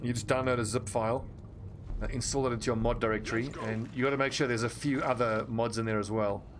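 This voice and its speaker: A man with a South African accent streams a game while giving casual, blunt commentary and chatting with his viewers, swearing freely. His mid-range voice keeps a steady tone at a quick pace, with background noise present.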